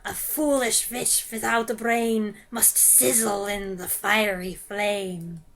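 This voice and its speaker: A woman's voice: mid-range voice, fairly even intonation, slow, vocal fry, a bit bright. A woman voicing a furious, tyrannical female witch queen who shrieks and rants in stiff, formal speech. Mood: chanting. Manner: shrieking, ranting, foreign-sounding formal speech.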